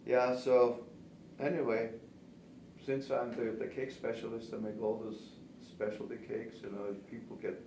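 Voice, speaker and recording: The speaker, a veteran pastry chef and cake instructor in his 70s, talks conversationally through interview questions in an Austrian accent; German is his native language. His mellow voice sits at medium pitch, level in tone and moderate in pace. The recording is distant, roomy and noisy.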